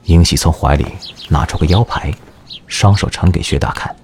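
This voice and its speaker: A man narrating an audio drama in an expressive storytelling manner. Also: low-pitched, normal speed, creaky, a little hiss or hum.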